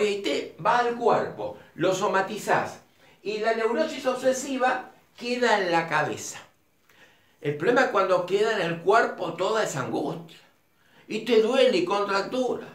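An Argentine man with a Rioplatense accent gives an informal whiteboard lesson, digressive and chatty, with casual asides directed at the viewer. His voice sits high and a bit bright. He's recorded in an echoey room with the mic at a distance.

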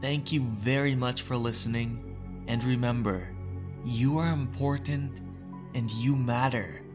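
A man's voice: mid-range voice, measured pace, music in the background. A man working as a storyteller and channel host, narrating and addressing his listeners. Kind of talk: dramatic narration and viewer thanks.

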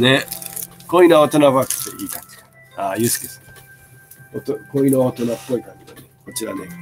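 Lively chatty man in his fifties. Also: mid-range voice. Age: 50s. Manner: chatty, answers viewer comments while showing goods. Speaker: live-stream seller. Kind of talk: casual live sales stream.

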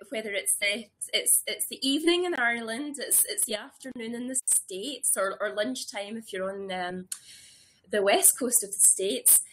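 Scottish-raised woman hosting a chatty webinar. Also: on the high side. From Scotland. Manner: warm and enthusiastic, with frequent ums and restarts. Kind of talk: casual webinar talk. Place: small room at home. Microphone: webcam or laptop mic on a video call.

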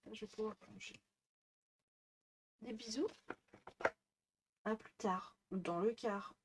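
This is an indoor vlog from a bedroom desk, where a woman in her thirties talks casually into a headset mic. Her mid-range voice moves slowly, and her rambling is full of fillers and restarts. Background noise is present.

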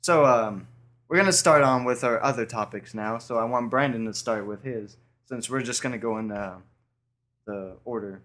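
A man's voice: medium pitch, moderate pace, a bit bright. A young man hosting a casual podcast, teasing his friends and laughing often. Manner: laughs a lot, teasing, pushes the others to talk. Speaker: podcast host. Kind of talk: casual chat.

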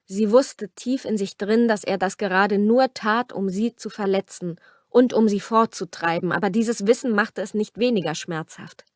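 A woman narrating a romance audiobook in a measured, restrained way. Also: medium pitch, no echo, clean studio sound. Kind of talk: scripted narration.

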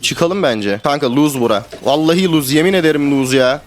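A young man streaming a video game, talking to his teammates in casual live commentary that swings between calm planning and excited shouting and swearing. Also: a little high, normal speed, slight background noise. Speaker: gamer streamer.

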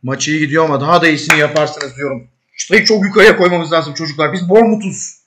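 Excitable man coaching players in a game. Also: fast talker. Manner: coaching players aloud, urging and scolding; bursts into high shouts at attacks. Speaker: host playing a football management game. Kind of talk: live commentary while gaming.

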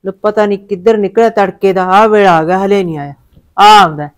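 A woman plays a middle-aged Punjabi aunty in a village family drama. She grumbles and frets as wife and mother, nagging in a medium-pitched Punjabi-accented voice. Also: brisk, close to an everyday voice. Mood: grumbling. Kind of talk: short-film family drama acting.

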